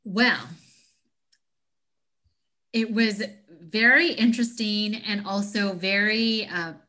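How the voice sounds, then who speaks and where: A woman's voice: mid-range voice, takes it slowly, pushed and bright. Reflective American woman podcaster. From United States. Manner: reflective, thoughtful, trails off. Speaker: podcast co-host. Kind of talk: casual chat.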